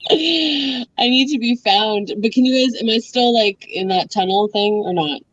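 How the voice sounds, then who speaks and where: A woman's voice: a little high, slow. A woman on a live stream call whose voice comes through muffled, as if she were in a tunnel, chatting casually with the group. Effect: muffled tunnel-like sound over a glitchy call line. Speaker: stream chat guest. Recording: dull lo-fi call audio, dry.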